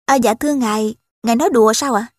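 A woman's voice: on the high side, fast talker, no room sound, clean studio sound, lightly acted. A woman reading the part of a coaxing adult male slave trader in a spoken story, pressing his sales talk.

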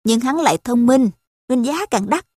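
A woman's voice: fairly high pitch, animated, moderate pace, a little mellow, no room sound, studio quality. A woman reading the part of a coaxing adult male slave trader in a spoken story, pressing his sales talk.

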